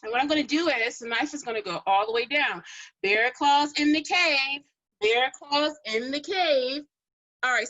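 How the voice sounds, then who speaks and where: A woman's voice: high-pitched, a bit bright, low-quality recording. A woman cooking teacher giving children a step-by-step demonstration in an instructive, encouraging way, repeating key phrases. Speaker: kids' cooking school teacher and host.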